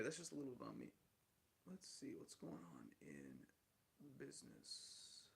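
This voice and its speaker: A man's voice: on the high side, gravelly, breathy edge. A man in his thirties hosting a solo podcast, rambling candidly through the news and swearing casually. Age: 30s. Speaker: podcast host.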